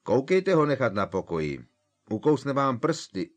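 A man voicing a huge, gruff half-giant gamekeeper who talks loud and grumbling. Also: mid-range voice, big pitch swings, voice pushed up, natural voice. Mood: warning.

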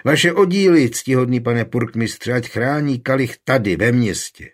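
A man's voice: mid-range voice, animated, voice pushed up, lightly acted. A man reading an urgent, emphatic nobleman calling for armed struggle.

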